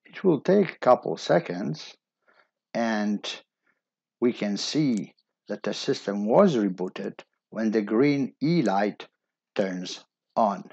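A man with a low, gravelly and slightly husky voice walks through a technical setup step by step. The recording is dry and a little dull, like a plain voice-over. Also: slow pace, no echo. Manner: steady step-by-step explaining. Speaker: instructor.

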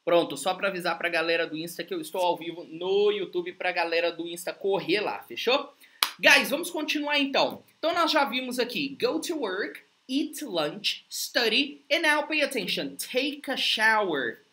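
A woman with a Brazilian Portuguese accent teaching English on a live stream, upbeat and coaxing, slowly repeating phrases for drills. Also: medium pitch, expressive, a bit bright. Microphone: livestream setup.

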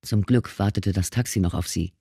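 A man narrating an audiobook in a steady, measured reading. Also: low-pitched, vocal fry, breathy edge, no echo, studio quality. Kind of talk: scripted narration.

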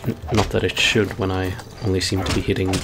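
A man's voice: deep voice, little pitch movement, a little fast, over loud music. A man giving casual, wry game commentary, understated, as if muttering to himself. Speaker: let's-play commentator.

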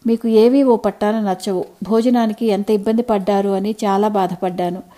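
A woman's voice: mid-range voice, steady tone, moderate pace, dark tone, close to an everyday voice. Storybook grandmother and wife, caring and shy, read by a woman narrator. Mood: affectionate.

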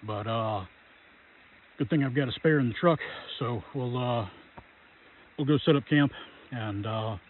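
A man's voice: medium pitch, unhurried, pauses often. A man, talking casually and politely to the camera by a river. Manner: easygoing, polite, chatty with a few fillers. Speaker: outdoor vlogger. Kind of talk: casual vlog talk. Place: outdoors by a river. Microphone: camera held at arm's length. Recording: tinny phone-like sound, faint outdoor noise.

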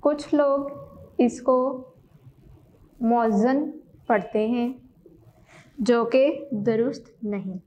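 A woman teacher talks in a slightly high voice, very slowly and deliberately. She repeats each key word for her students to write down. She stops now and then to correct herself. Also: warm tone, highs cut off. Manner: slow, deliberate, repeats words for dictation; corrects herself mid-sentence. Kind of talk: classroom lesson.

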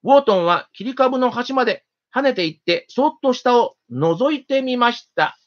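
Storyteller reading a kids story, gentle and steady, middle pitch, dull lo-fi sound. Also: moderate pace. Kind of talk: children's story narration. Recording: dull lo-fi recording.

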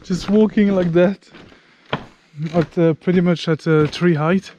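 A man with a slightly high voice chats informally as a travel vlogger. He comments casually on his surroundings in the open air. Light ambient noise sits behind his voice. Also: steady tone, a little slow, warm tone. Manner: informal, chatty, occasional swearing. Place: outdoors on forest walking paths.

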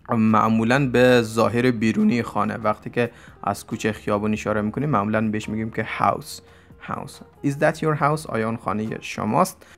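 Male English teacher, gravelly mid-pitched voice, brisk explanations with slow, careful example sentences. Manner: explains in Persian, reads English examples slowly and deliberately. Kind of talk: Persian-language English vocabulary lesson.

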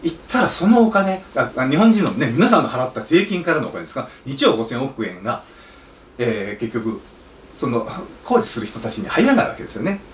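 A man, a film director, speaking to an audience at a talk event, animated and storytelling, now and then slipping into playful dialect impressions. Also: medium pitch, fairly quick. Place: theater or event hall. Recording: roomy hall, distant mic, faint noise.

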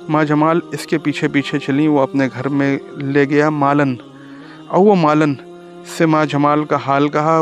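Man narrating a story over music. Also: on the high side. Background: background music.

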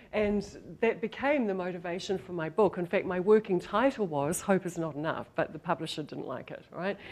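A woman's voice: medium pitch, darkish tone. A middle-aged woman with a New Zealand accent gives a live talk as a marketing professor, conversational and repeating words for emphasis. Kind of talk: live presentation to an audience. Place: indoor lecture room, standing.

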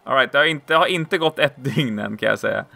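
A man giving casual, playful commentary while playing a video game, often laughing and squealing out high exclamations. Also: lively intonation, vocal fry, pushed and bright, no echo. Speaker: let's play gamer.

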